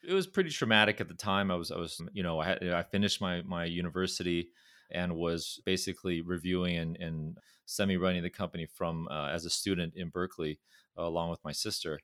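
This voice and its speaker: A middle-aged Southern Californian man with a Californian accent speaks in a low, slightly bright voice, recorded clean in a studio with no room sound. He's a pharmaceutical company chairman appearing as a guest in a conversational interview, and he often repeats words while collecting his thoughts.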